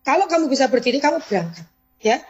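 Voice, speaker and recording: A woman's voice: high voice, sing-song, racing, fairly bright tone, lo-fi sound. Woman doing a blunt, scornful male boss. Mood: lecturing. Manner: harsh, mocking, lecturing. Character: blunt scolding male sales leader.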